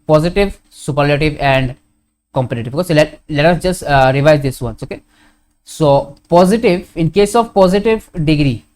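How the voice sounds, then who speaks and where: A man talks through a grammar lesson for his students. He fills every pause with "okay." He asks questions and answers them himself, correcting his own small slips along the way. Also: fairly high pitch, a little mellow. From India. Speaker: teacher.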